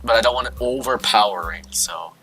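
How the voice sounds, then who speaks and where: A man's voice: on the low side, brisk, pushed and bright. A man streaming, reading a visual novel aloud with casual, self-mocking asides. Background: faint game music.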